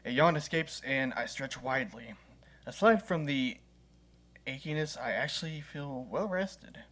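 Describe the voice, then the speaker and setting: A man's voice: medium pitch, expressive, measured pace, a bit bright. A man reading a visual novel game aloud as a gaming host, playful and chuckling at the story.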